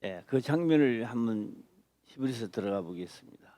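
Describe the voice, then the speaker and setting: A man preaching a sermon as a pastor, speaking emphatically with repeated phrases and sudden loud stress. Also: medium pitch, lively intonation, moderate pace, dry recording. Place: church.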